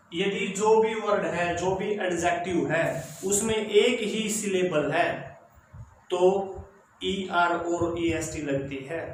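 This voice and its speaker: A man teaching an English grammar lesson who explains slowly and repeats words for his students. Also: sits high. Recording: very echoey room, faint background noise.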